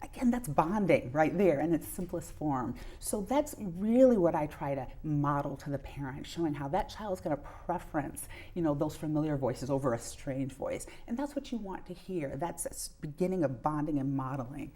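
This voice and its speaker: A woman's voice: sits low, animated, moderate pace, hardly any pauses, dark tone, breathy edge. A middle-aged woman, a pediatrician giving earnest explanations with examples as an interview guest. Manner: earnest, illustrates points with examples.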